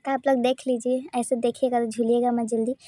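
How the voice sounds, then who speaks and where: A woman narrating her vlog in a casual voice-over, telling a simple story with hesitant pauses. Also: fairly high pitch, little pitch movement, mellow, dry recording. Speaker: vlogger.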